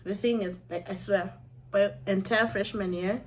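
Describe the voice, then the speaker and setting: A woman's voice: medium pitch, fairly even intonation, normal speed. A young woman from Kenya with a Kenyan accent, chatting casually as a vlogger, playful and laughing often, dropping in Swahili. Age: young adult. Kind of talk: casual chat.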